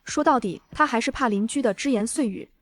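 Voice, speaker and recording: A young woman voicing a calm, vengeful reborn heroine who narrates her own story in a cool, matter-of-fact way. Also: on the high side, fairly quick, no echo. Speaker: first-person narrator and heroine. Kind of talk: dramatic audio narration.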